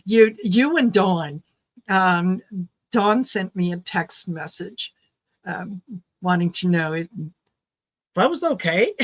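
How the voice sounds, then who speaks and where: A middle-aged woman, originally from Croatia and raised in Canada, hosts a tarot livestream in an unhurried, somewhat low voice. She chats loosely with her viewers, hesitating with ums and restarting her sentences, laughing easily as she goes. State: recovering from low blood sugar, tired. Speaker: tarot reader and livestream host. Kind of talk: casual livestream chat with viewers.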